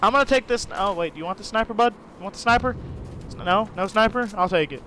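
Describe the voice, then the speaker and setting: High-voiced rambling male game streamer. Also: fast talker, sharp tone, a little hiss or hum. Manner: rambling, swears and laughs while playing. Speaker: gaming streamer. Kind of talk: casual live-stream commentary. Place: home room during a thunderstorm.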